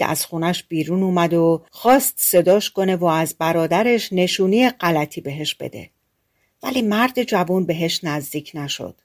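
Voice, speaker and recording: Female audiobook narrator, lowish voice, storybook fairy-tale reading with characters' lines voiced in. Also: a little mellow.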